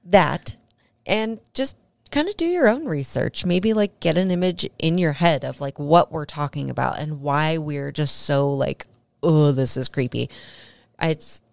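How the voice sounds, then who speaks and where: A woman co-hosts a casual podcast, giggling often and reacting quickly to her co-host. Her voice sits fairly low and swings widely in pitch, with a gravelly edge. The recording is dry and close. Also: animated, darkish tone, no room sound. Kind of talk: casual chat.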